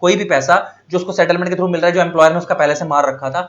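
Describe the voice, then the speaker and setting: Guy teaching law super fast, bit high voice, muffled lo-fi audio, keeps repeating the key point. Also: fairly even intonation, a bit bright. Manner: conversational, repeats key points, gives everyday examples. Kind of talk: lecture explaining law. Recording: dull lo-fi audio.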